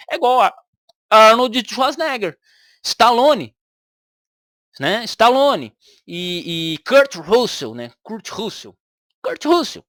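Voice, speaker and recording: A woman's voice: medium pitch, fairly bright tone, no room sound, clean studio sound. A woman with a Brazilian Portuguese accent, giving argumentative reaction commentary on a video and repeating her points for emphasis.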